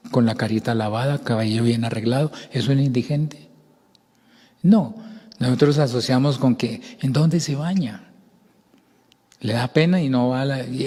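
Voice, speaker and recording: Older Colombian preacher in a reverberant church. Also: male voice, mid-range voice, husky. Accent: Colombian, Bogotá. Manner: expressive, acts out crowd shouts and voices. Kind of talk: sermon.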